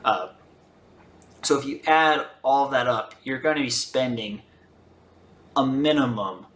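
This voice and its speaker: A man presenting an explanatory monologue in a measured, methodical way. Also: medium pitch, a bit bright. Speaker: video presenter on finance. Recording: roomy, echoing sound.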